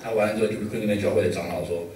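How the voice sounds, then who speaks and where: A male pastor preaching a sermon with humor and a steady stream of rhetorical questions. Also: deep voice, racing, a little hiss or hum. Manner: lively, joking, full of rhetorical questions. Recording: echoey hall, voice from a distance.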